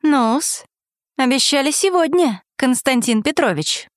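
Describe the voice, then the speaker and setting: A woman reading aloud, voicing a brisk landlady who impatiently demands her rent. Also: high-pitched, animated, dry recording, studio quality. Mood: demanding.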